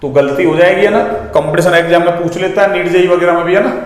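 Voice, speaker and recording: A man gives a chemistry lesson in a loose, conversational way, asking the class questions and answering them himself. His voice sits high. The room behind him rings with heavy, long reverb. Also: steady tone, fast talker. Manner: conversational, full of rhetorical questions and "ना" tags. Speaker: chemistry teacher. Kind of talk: classroom lecture.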